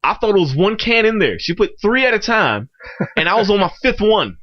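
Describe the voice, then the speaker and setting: A young man from Cleveland with a Cleveland accent, chatting excitedly and laughing through his lines. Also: high-pitched, a little fast, no room sound. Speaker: guest. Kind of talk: casual chat. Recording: dull lo-fi sound.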